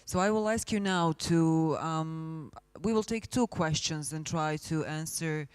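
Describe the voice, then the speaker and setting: A man's voice: a little high, measured pace, clear, resonant tone, dry recording. A man moderating a forum panel, polite and lightly joking as he takes questions from the audience. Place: conference hall.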